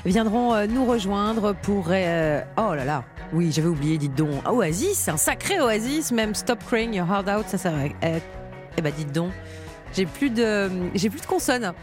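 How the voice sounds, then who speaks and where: A woman's voice: mid-range voice, expressive, a little slow. A woman presenting a music show on live radio in a casual, informal, self-mocking way, close on a studio mic. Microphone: close studio broadcast mic.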